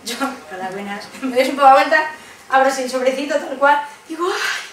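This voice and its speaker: A woman speaker telling a lively personal story at a conference, acting out the voices she quotes. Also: sits high, fast talker. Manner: animated, acts out quoted voices, laughs often. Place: conference room. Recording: echoey hall, distant mic, background noise.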